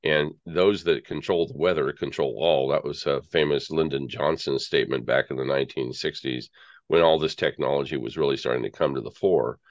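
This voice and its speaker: Very deep-voiced American man on a conspiratorial rant. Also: fairly even intonation, fairly quick, dry recording. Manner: earnest conspiratorial rambling rant. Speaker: interview guest. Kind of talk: conversational political commentary. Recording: dull lo-fi audio.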